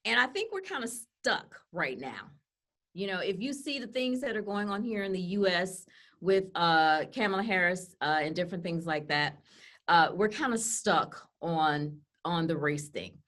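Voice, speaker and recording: A woman co-hosts a webinar in a lowish, fairly bright voice, animated and at normal speed. She's chatty and fills her talk with phrases like "you know" and "okay?", captured through a laptop webcam on a video call.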